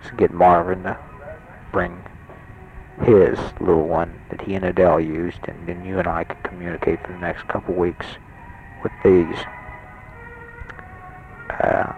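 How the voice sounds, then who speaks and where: A man's voice: deep voice, expressive, unhurried, creaky, pauses often, a little hiss or hum. A young man in a hospital bed, keeping his voice down as he rambles through a taped letter home with many fillers. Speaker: patient sending an audio letter home. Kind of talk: personal taped audio letter. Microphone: portable tape recorder mic held close. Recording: dull lo-fi home tape recording. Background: other patients talking in the ward.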